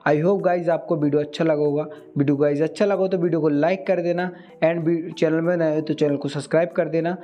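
A man, giving a steady step-by-step software tutorial as a video host. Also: a little high, brisk, dull audio. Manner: steady instructional, mixing English words into Hindi.

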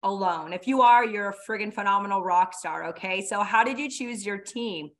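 A woman's voice: medium pitch, normal speed, fairly bright tone. A woman hosting an interview over a video call, upbeat and enthusiastic with her guest. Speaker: podcast host. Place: living room, on a sofa. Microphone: video call webcam.

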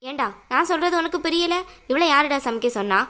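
A woman's voice: sits high, expressive, fairly quick, pushed and bright. Woman voicing a bossy scolding mother-in-law. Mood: scornful. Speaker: voice actor. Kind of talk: animated cartoon drama.

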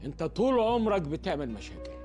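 An actor playing a stern elder with an Egyptian accent, lecturing two young men in a measured and disappointed way in a film comedy scene. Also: male voice, a little high, sing-song, music in the background. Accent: Egyptian Arabic.

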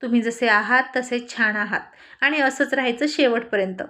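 A woman's voice: on the high side, moderate pace, bright, forceful tone. A woman storyteller voicing a shy, giggly young wife who scolds her husband playfully. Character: laughing, bashful young wife.

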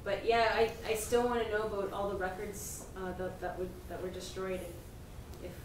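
A woman's voice: mid-range voice, fairly even intonation, moderate pace, slight background noise. A woman in the audience hesitantly asking a question, with fillers. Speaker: audience member. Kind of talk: casual question. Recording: quiet, from far off the mic.

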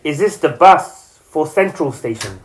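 A woman saying short example phrases twice, slowly and carefully. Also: deep voice, animated. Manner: says each phrase twice, slow and careful. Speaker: example speaker.

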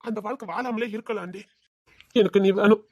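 A woman's voice: mid-range voice, fairly even intonation, fairly quick, mellow, no echo, studio quality, lightly acted. A woman voicing a young man who begs and cries for the love of a friend in an audio drama. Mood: persuading. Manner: pleading, crying.

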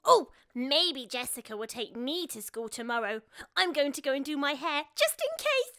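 Sally, a squeaky-high gushing girl sock puppet voiced by a woman. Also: sing-song, moderate pace, a bit bright. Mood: cheerful. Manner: gasping, gushing, eager. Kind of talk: children's puppet show acting.

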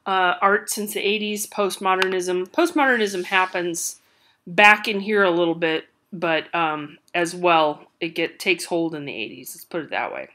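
A woman's voice: lowish voice, moderate pace, hardly any pauses, bright, forceful tone. A woman giving a recorded art history lecture with hiccups, talking loosely with many fillers and restarts.

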